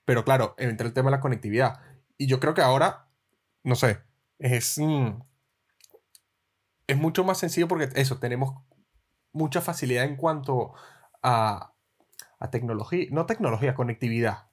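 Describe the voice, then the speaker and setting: A man's voice: medium pitch, normal speed, pauses often. A Venezuelan man co-hosting a casual, jokey podcast chat. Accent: Venezuelan Spanish. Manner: relaxed, jokey, laughs often. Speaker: podcast co-host.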